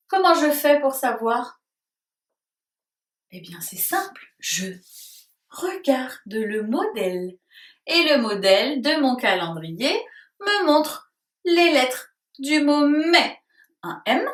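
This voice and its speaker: A woman with a high, lively voice leads a lesson for little children, slow and sing-song. She asks simple questions and praises them. The sound is roomy, as if she stands a little away from the mic. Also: distant mic. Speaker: preschool teacher. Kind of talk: lesson for young children at home.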